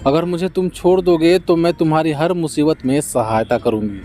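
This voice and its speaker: A man's voice: on the high side, steady tone, normal speed, mellow, faint music behind, close to an everyday voice. A man voicing a small, pretty talking bird that pleads tearfully to be set free in a storybook tale. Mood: pleading.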